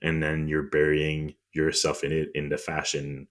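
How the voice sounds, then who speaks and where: Deep-voiced French-accented man explaining history. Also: completely flat delivery, moderate pace, fairly bright tone. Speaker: podcast co-host.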